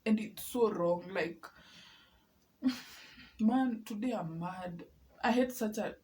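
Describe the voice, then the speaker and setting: A woman's voice: medium pitch, takes it slowly, a little mellow, rough recording. A young woman with a Kenyan accent, speaking in an upset personal vlog, often saying "like" and slipping into Swahili. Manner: upset, fills speech with "like", switches into Swahili. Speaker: vlogger. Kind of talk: emotional personal vlog rant.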